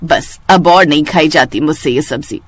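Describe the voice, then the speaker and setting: एक महिला, कहानी में शिकायत करती, डाँटती बुज़ुर्ग सास की आवाज़ करती हुई।. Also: female voice, low-pitched, moderate pace, husky, voice pushed down. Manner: complaining, dramatic. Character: scolding elderly mother-in-law.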